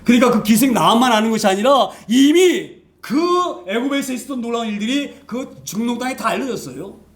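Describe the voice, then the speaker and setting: A man preaching a sermon as pastor, animated and acting out the voices of the people he quotes. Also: extremely high pitch, a little fast, roomy sound.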